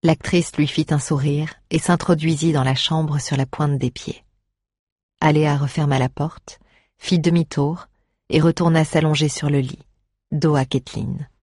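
Husky voice, measured story narration. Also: mid-range voice, steady tone, darkish tone, no room sound, studio quality. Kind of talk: scripted audiobook narration.

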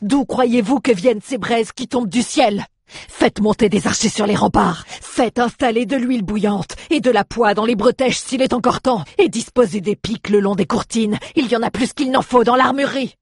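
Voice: mid-range voice, expressive, normal speed, hardly any pauses, fairly bright tone, breathy edge, no room sound, studio quality, pitched above the performer's own voice, full character voice. A narrator voicing a furious male army general who barks orders with contempt in an audiobook. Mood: curt, commanding. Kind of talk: audiobook character voice.

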